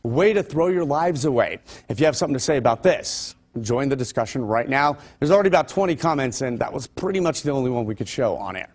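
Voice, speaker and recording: A man's voice: mid-range voice, lively intonation, quick pace, hardly any pauses. A male news anchor reading local stories with loose, conversational ad-libs. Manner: loose and conversational between scripted items. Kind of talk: news reading with ad-libbed asides.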